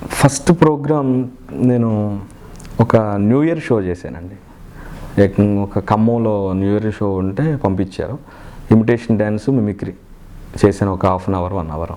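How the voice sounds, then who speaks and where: In a casual interview, a young mimicry artist speaks at a normal pace with frequent pauses, sounding earnest and lively. Every so often he bursts into loud, high-pitched impressions.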